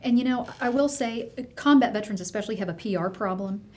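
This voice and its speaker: A woman's voice: mid-range voice, fast, darkish tone. A woman therapist in a casual conversation, analyzing behavior and affirming her partner often. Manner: engaged, analytical, frequent affirmations. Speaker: mental health therapist.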